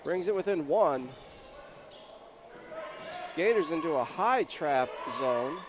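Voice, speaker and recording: A young man calling live high school basketball play-by-play, rising to shouts on big plays. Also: animated, slow pace, noisy background. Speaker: play-by-play commentator. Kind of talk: live sports commentary.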